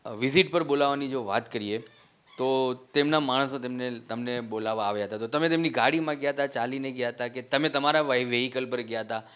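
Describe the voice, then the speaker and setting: Probing reporter, smooth voice. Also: male voice, mid-range voice, fairly quick, fairly bright tone. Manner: probing, hesitant fillers. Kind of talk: news interview questioning.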